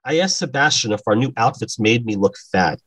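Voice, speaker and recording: A man's voice: medium pitch, lively intonation, a little fast, fairly bright tone, husky, dry recording. A man reading as a self-assured stage witch. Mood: breezy. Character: confident young witch, woman performer.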